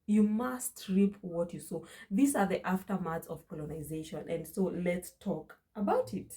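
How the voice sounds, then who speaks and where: A young Kenyan-accented woman speaks to her vlog audience at a moderate pace in a lowish, mellow voice. It's a casual opinion vlog, and she's emphatic, repeating phrases for stress.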